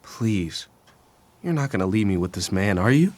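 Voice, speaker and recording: Here the young actor-narrator sounds pleading as the disgruntled son of a troubled wealthy family, telling the story in a casual, slangy first person. His darkish, low-side voice has lively intonation at a normal pace, recorded with no room sound.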